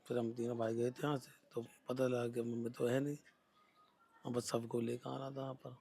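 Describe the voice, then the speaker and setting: A man answers a reporter in a field interview, faltering and repeating himself. His voice is husky and gravelly, and he speaks in a flat, level tone. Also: mid-range voice, moderate pace. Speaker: interviewee, son.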